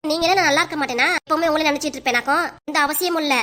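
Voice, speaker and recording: A woman's voice: high voice, racing, pushed and bright. A woman voicing a hot-tempered young wife in a cartoon, snapping back defiantly in a Kanyakumari Tamil accent. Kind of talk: cartoon voice acting.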